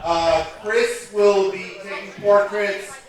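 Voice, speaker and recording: A man's voice: high voice, fairly even intonation, takes it slowly, crowd noise. A man making announcements to an event audience. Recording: loud crowded event hall.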